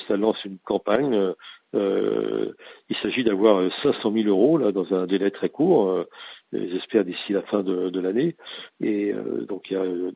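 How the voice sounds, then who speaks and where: A journalist and editorialist answering questions in a radio news interview, speaking haltingly with many hesitations and restarts. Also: male voice, low-pitched, creaky, warm tone, slightly rough, no echo, poor audio.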